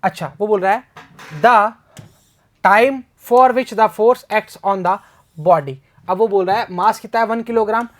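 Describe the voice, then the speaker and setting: Chatty, joking man tutoring physics. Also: high voice. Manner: chatty and joking, talks to himself and to students; reads problems aloud, mixing English terms into the talk. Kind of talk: casual exam-prep lesson, solving questions aloud.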